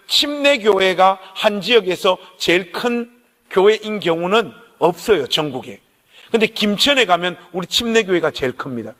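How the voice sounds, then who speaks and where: Speaking with a Gyeongsang Korean accent, a middle-aged pastor with a notably high voice tells his sermon as a story. He's lively and animated, addressing the congregation directly, and a long church-sanctuary reverb trails each phrase.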